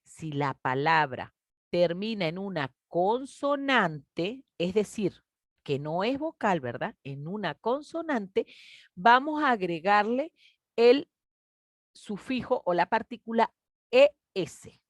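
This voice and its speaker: A woman teacher, patiently explaining a grade-school grammar lesson and stretching out example words slowly. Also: mid-range voice, sing-song, dry recording, studio quality. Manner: patient, explanatory, addresses children warmly as "mis niños".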